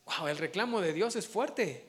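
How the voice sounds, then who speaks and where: A man's voice: high-pitched, moderate pace, a little hiss or hum. A man preaching a sermon, asking his congregation questions as he goes. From Mexico. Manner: animated, asks the congregation questions.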